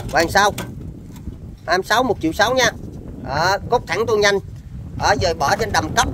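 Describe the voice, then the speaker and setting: A man's voice: high-pitched, background noise. A man with a Southern Vietnamese accent giving an informal sales demonstration of used machinery, in chatty, repetitive patter.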